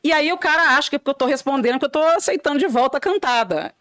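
A woman's voice: high voice, animated, rapid-fire, a bit bright, dry recording, studio quality. A middle-aged woman, a news anchor chatting casually as a podcast guest, laughing easily as she tells stories. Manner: laughing, easygoing storyteller.

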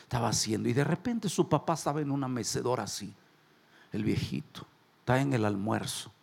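A Mexican pastor preaching a sermon, animated and joking, urging the congregation to repeat phrases after him. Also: male voice, mid-range voice, fairly quick, creaky, husky. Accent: Mexican Spanish. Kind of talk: sermon with jokes and call-and-response.

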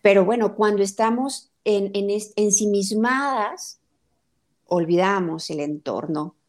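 A woman's voice: medium pitch, measured pace. A woman, a therapist sharing her own story in an interview. She talks earnestly in short pieces with many fillers. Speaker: therapist guest. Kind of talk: reflective personal testimony.

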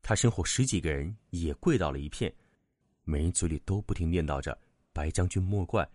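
A man narrating a serialized folk tale in a lively, expressive storytelling manner. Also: low voice, fairly quick, no room sound, studio quality.

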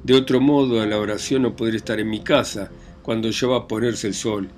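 A man's voice: on the low side, moderate pace, soft background music, natural voice. A man voicing a defiant country widow. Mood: indignant. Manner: indignant, pleading, sharp retorts.

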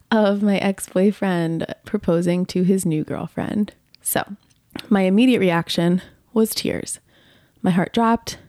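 Congested, gravelly woman in her thirties. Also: mid-range voice, dark tone, dry recording, clean studio sound. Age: 30s. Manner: chatty and candid, laughing now and then. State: congested from a cold. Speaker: podcast host. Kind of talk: casual confessional chat.

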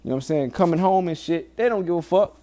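A man's voice: a little high, quick pace, dark tone. A man speaking casually and candidly in a solo podcast monologue, swearing often and earnestly pleading with listeners in urgent warnings. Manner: informal, frequent swearing. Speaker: podcast host.

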